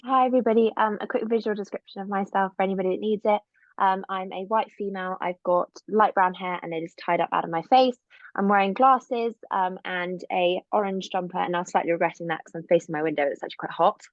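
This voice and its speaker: A woman's voice: mid-range voice, quick pace, no room sound. A woman with a Southern English, home counties accent introducing herself conversationally as a panelist on an online call. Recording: dull, lo-fi webinar audio.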